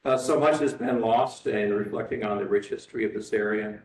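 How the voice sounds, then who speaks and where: A lower-voiced man testifies haltingly before a board, pausing on fillers between phrases. The sound is a courtroom-style recording of a hearing room, echoey and picked up from a distant microphone. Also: darkish tone. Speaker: historical society president testifying.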